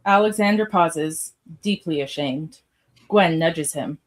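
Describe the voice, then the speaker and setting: A woman's voice: low voice, slow pace. A woman narrating a radio theatre piece, reading scripted stage directions.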